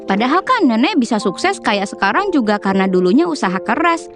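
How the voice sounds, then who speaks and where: A woman's voice: a little high, very animated, brisk, music in the background. A woman narrating a family story in a chatty, slangy way, talking straight to her viewers. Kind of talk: casual storytime narration over mukbang video. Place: voice-over.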